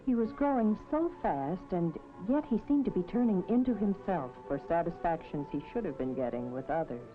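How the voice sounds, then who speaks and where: An actress playing a thoughtful, worrying mother who narrates a vintage educational film in an earnest, measured, sentimental way. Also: fairly low pitch, animated, loud music behind the voice, close to an everyday voice. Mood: worried. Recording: tinny, noisy vintage film soundtrack.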